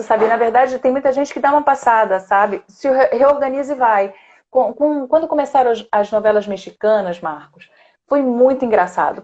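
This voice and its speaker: A woman speech therapist talking in a warm, chatty way and laughing often, as a guest on a live video call. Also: on the high side, dull audio. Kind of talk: casual live chat. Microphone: computer or phone on a video call.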